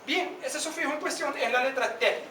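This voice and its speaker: A man teaching an Arabic lesson to a class, asking students questions by name and drilling pronunciation slowly. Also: very high-pitched, pushed and bright, a little hiss or hum. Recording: echoey classroom from a distance.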